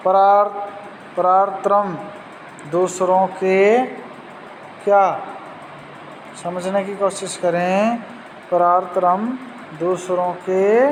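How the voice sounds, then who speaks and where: A man teaching a Sanskrit class, slowly repeating words and their meanings and speaking straight to his students. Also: high voice. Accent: Hindi-speaking Rajasthani. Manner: slow, repeats each word and its meaning, addresses students directly. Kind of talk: recorded class lesson. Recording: reverberant room with faint traffic noise.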